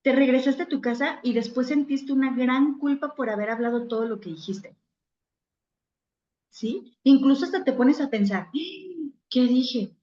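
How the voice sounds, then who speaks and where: A woman psychologist talks her audience through everyday scenes, slipping into quoted voices to make her points. Her voice sits high. The recording is roomy, with a dull, lo-fi sound. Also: moderate pace, darkish tone. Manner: conversational, acts out little scenes with quoted voices. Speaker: psychologist giving a talk. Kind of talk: virtual conference talk.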